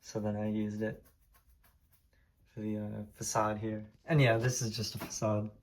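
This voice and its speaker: A young native Hokkien speaker from Taiwan rambles as he tours his diecast collection room, his casual vlog full of fillers and restarts. The voice is on the low side with little pitch movement, at a moderate pace.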